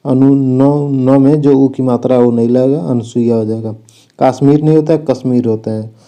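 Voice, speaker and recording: Saying "theek hai" after every point, a man coaches exam students through corrections of spelling and sentences in a spelling lesson. His voice is dark and in the mid range.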